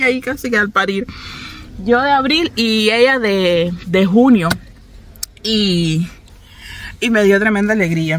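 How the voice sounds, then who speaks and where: A woman's voice: medium pitch, a little hiss or hum. A Cuban woman in her thirties with a Cuban Spanish accent, telling a story to her phone camera from the back seat of a car. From Cuba. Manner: chatty, animated, laughs often. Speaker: vlogger. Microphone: phone held at arm's length.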